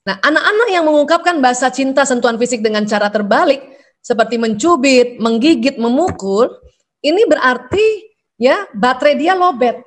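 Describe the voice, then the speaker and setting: A middle-aged woman lectures on parenting in a fairly high voice. She keeps asking her audience questions, tags her points with a quick "ya", and slips into short acted-out lines of parents and children. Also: animated. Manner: rhetorical questions, frequent "ya". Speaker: parenting seminar speaker.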